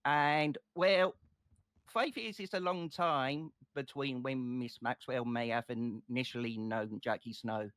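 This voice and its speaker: A man playing a state prosecutor in an online courtroom role-play, making a passionate, deliberate closing argument. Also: medium pitch, a bit bright, smooth. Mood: firm, insistent.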